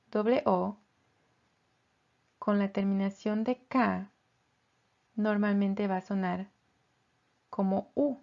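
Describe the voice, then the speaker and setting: Woman pronunciation teacher, very slow and deliberate delivery, slightly dull lo-fi recording. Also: medium pitch, dark tone. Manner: slow and careful, repeating each word twice.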